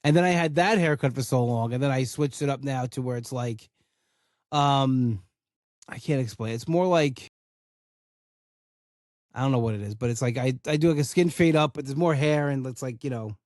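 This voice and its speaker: Speaking at normal speed in a medium-pitched, slightly mellow voice, a man in his forties from an Italian-American family hosts a podcast. His casual chat rambles, with frequent restarts and lots of "like." The sound is clean studio audio with no room sound.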